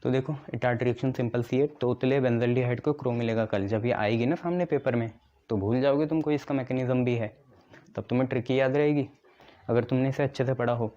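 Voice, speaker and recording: A man teaching chemistry in a soft, mellow voice of middle pitch. He walks through each step, keeps checking that the class is following, and asks a question before giving the answer himself. The recording sounds dull and lo-fi. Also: steady tone, fast talker. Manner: explains step by step, often checks "ठीक है". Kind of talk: classroom lecture with memory tricks.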